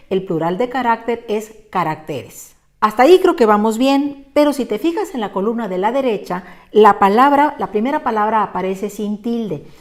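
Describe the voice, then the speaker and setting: A woman teacher giving a patient, clearly explained online lesson and speaking directly to the viewer. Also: mid-range voice, darkish tone. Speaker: Spanish teacher. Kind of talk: online lesson on pronunciation and spelling.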